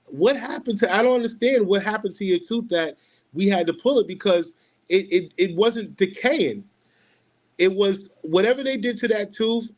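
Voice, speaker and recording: A man in his forties hosting a casual livestream, rambling with many fillers and restarts. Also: high voice. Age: 40s. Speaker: livestream host.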